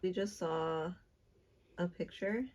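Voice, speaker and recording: A woman's voice: fairly low pitch, steady tone, takes it slowly, darkish tone. A young woman chatting casually with her sister during a makeup session, playful and teasing. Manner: playful, teasing, laughs easily. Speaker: co-host, sister. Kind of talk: casual get-ready-with-us chat.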